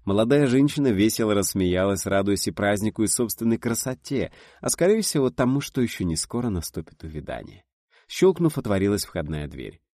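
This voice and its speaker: Lively low-voiced male audiobook narrator. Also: brisk, no echo, clean studio sound. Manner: expressive storytelling, voices each character.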